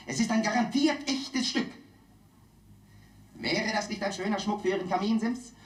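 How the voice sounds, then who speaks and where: An actor playing a smooth-talking auctioneer in a dubbed film, giving repetitive sales patter and bid calls. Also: male voice, high voice, fairly bright tone. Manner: repetitive auctioneer calling of bids. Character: smooth-talking London auctioneer hawking antiques to bidders. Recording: echoey room, old film dub.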